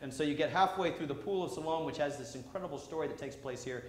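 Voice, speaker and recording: Priest preaching at an echoey pulpit microphone. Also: male voice, a little high. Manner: halting, many "uh" fillers. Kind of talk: sermon. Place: church. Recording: echoey church sound with faint hum.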